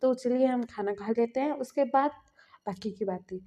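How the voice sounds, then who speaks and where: A woman voicing a gentle, worried young man who softly pleads with others. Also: a little high, normal speed, natural voice. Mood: pleading. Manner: soft, pleading.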